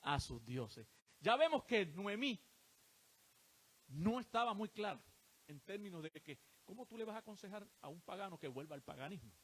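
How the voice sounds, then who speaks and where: A male preacher with a high voice that rises and falls a great deal. He drives his sermon with rhetorical questions and answers them himself. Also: moderate pace, husky. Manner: animated, rhetorical questions to the congregation.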